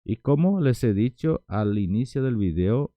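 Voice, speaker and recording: A man teaching words in a lesson, repeating each one slowly and patiently and stretching the pronunciation. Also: medium pitch, lively intonation, no echo, lo-fi sound. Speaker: Guarani language teacher. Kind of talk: slow repetitive language lesson.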